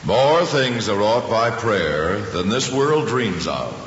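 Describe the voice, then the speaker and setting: A man's voice: fairly low pitch, big pitch swings, slow pace, a little hiss or hum. A man announcing in a formal, polished 1950s radio style, reading a scripted sign-off. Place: radio studio. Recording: muffled vintage radio broadcast recording. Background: loud music.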